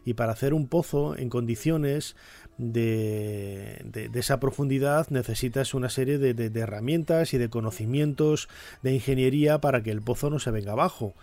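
A man's voice: mid-range voice, normal speed, warm tone. A middle-aged man from Spain with a Castilian accent, presenting informally and discursively, often adding tag questions. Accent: Castilian Spanish. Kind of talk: informal spoken commentary.

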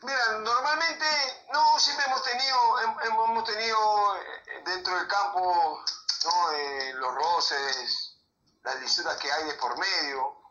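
A man with a Peruvian accent, a former footballer, telling lively anecdotes in an interview, with sound effects and laughter. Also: high-pitched, measured pace, reverberant, muffled recording. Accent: Peruvian Spanish. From Peru.

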